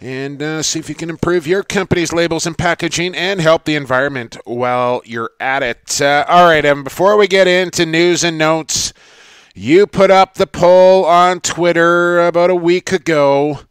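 A podcast co-host chats casually, spinning long, rambling stories that poke fun at himself. His voice is a little high, smooth, and at a normal speed, recorded with no room sound.

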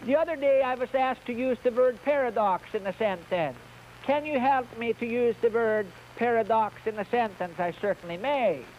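A man playing a bumbling, boastful Swedish answer man with a mock Swedish accent and broken grammar, delivering jokes slowly on an old TV show. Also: very high-pitched, a little hiss or hum. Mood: deadpan. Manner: slow, deliberate joke delivery with broken grammar. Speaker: children's TV entertainer. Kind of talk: comic question-and-answer routine. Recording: dull old TV recording with music.

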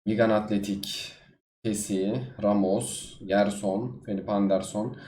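A man giving live commentary on his own gameplay as a gaming YouTuber, swinging between low muttering and sudden outbursts. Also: steady tone, unhurried, warm tone, slight background noise. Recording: echoey room with faint music.

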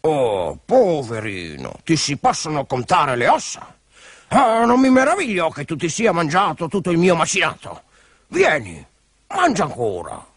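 A man voicing an excitable, grumpy middle-aged butcher in a storybook reading, quick to anger and shouting insults. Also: extremely high pitch, breathy edge, no echo, studio quality, voice pushed up, exaggerated voice. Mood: kindly. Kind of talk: storybook character voice.

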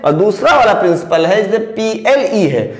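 High-voiced Indian man teaching vocabulary. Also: sing-song, moderate pace, roomy sound. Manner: repeats and spells words letter by letter, calls students beta. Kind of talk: classroom-style vocabulary lesson.

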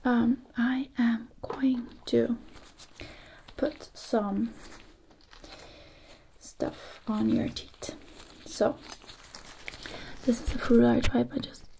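In a small indoor room, a young adult ASMR performer role-plays a brisk, reassuring female medic doing procedures on a patient, murmuring soft, breathy, repetitive patter in a full character voice. Her often soft-spoken delivery is soothing yet businesslike, on the high side with fairly even intonation. The close recording is noisy, with clicking.

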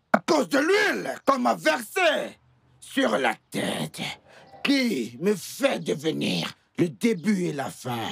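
An actor dubbing a menacing young gang enforcer in a film, raspy and threatening. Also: male voice, sits high, no room sound, heavily acted. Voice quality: raspy, gravelly. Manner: threatening, pleading, with sudden shouts. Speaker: son of the gang matriarch. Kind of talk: dubbed film dialogue.

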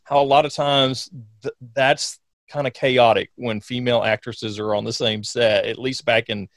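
A man's voice: medium pitch, fairly even intonation, moderate pace, creaky, a bit bright, dry recording, studio quality. A man hosting a podcast interview, asking questions and reading out lists of credits. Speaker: podcast host. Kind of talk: casual interview.

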